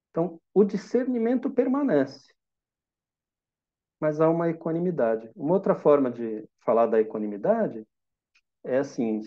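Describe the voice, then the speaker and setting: With a Brazilian Portuguese accent and a fairly high voice, a man gives a calm, reflective meditation talk, teaching listeners through simple examples and questions. The sound is lo-fi.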